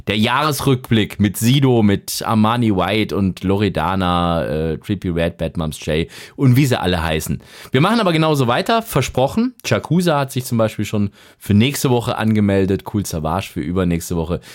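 A man hosting a podcast, talking in a casual, lively and self-deprecating way as he introduces his guest. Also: lowish voice. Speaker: podcast host. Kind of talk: casual interview.

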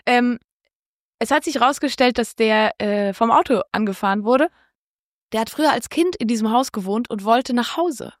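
Woman, casual storyteller, bright high-ish voice, dry close mic, swears freely, acts out her own quotes. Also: moderate pace, dry recording. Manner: lively, casual, swears, quotes herself with raised voice. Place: Switzerland.

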